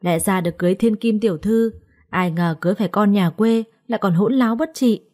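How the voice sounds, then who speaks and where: A woman's voice: mid-range voice, fairly quick, a little mellow, natural voice. A woman storyteller voicing a spiteful, scheming elder daughter-in-law who talks down to others with sneering condescension.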